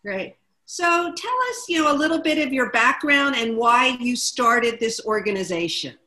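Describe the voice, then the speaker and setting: A woman co-hosting a talk show, introducing a guest and reading prepared figures in a measured way. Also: fairly high pitch, sharp tone, roomy sound, poor audio. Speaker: co-host.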